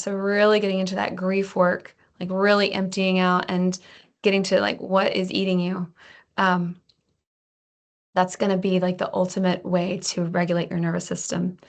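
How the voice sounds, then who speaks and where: A woman presenting a health webinar in a relaxed, chatty way, often restarting her sentences. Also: mid-range voice. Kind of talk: casual webinar lesson.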